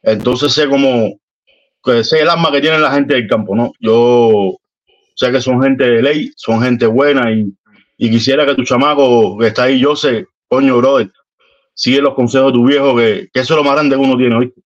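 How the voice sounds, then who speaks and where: A man with a Cuban accent speaking earnestly and warmly in a casual chat, often ending lines with a questioning tag. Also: mid-range voice, fairly even intonation, moderate pace. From Cuba. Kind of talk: casual heartfelt conversation. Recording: dull lo-fi line.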